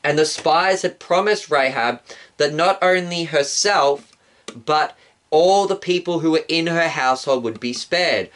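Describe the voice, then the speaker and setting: A male pastor calmly telling a Bible story for children and explaining it step by step. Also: fairly high pitch, measured pace. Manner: calm, explanatory, acts out shouts.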